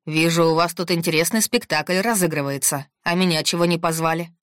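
Stern man of the house in a storybook, read by a woman, low clipped commands, dry sound. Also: a little fast, a bit bright, no room sound, lightly acted. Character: stern grown-up male boss, the son.

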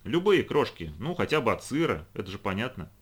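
A man's voice: fairly low pitch, big pitch swings, fairly quick, slightly rough. A man voicing a boastful, easily flustered middle-aged director in a read-aloud story. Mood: flustered mumbling. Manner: bragging, then mumbling.

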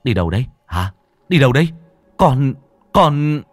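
A man voicing a panicked young husband and father who shouts out urgently in a spoken ghost story. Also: fairly low pitch, big pitch swings, takes it slowly, husky, no echo, soft background music, exaggerated voice. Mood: shaken.

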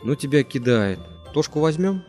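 A woman reading an audiobook who voices an affectionate, teasing husband in a soft, bemused, lowered voice. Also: lively intonation, normal speed, soft background music. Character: affectionate grown man, teasing, gentle husband. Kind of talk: audiobook character voice.

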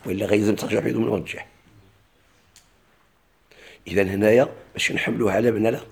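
A man's voice: fairly low pitch, fairly even intonation, quick pace, creaky, slight background noise. A man with a Moroccan Arabic accent teaching a classical grammar lesson. He keeps asking his class questions and then answering them himself.

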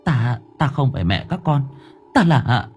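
A man voicing a frightened young pregnant woman who stammers as she gently soothes ghosts. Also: mid-range voice, very animated, a little slow, muffled recording, soft background music. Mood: soothing.

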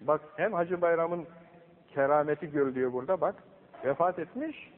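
A man giving a religious talk, telling a story with lively quoted voices. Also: fairly high pitch, normal speed, slight background noise. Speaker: religious teacher. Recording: old tinny recording in a hall.

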